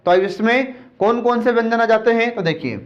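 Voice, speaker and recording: A man with a high voice teaches an exam-prep lecture, steadily asking questions and answering them himself. He repeats key terms slowly so students can memorize them. The recording sounds dull and lo-fi. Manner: drills points by asking and answering his own questions.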